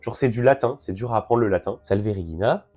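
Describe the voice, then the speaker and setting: A man's voice: on the low side, a little fast, a little mellow, soft background music. A young man in casual vlog commentary, chatty and self-mocking as he rambles through his rankings.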